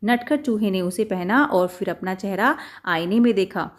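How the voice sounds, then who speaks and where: A woman's voice: mid-range voice, expressive, moderate pace. A woman teacher reading a children's story aloud and retelling each part in simple, chatty words.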